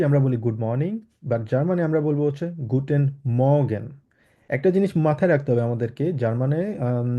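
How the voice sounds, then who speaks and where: A man from Bangladesh teaching a German class online, explaining patiently with many fillers and mixing in English and German words. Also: mid-range voice. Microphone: video call. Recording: dull lo-fi online call audio.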